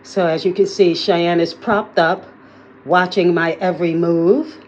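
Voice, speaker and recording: A woman's voice: on the low side, steady tone, unhurried, highs cut off, slight background noise. A woman talking casually to her viewers in a day-in-the-life vlog, chatty and full of fillers, recorded on a handheld phone. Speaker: vlogger. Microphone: phone held in hand.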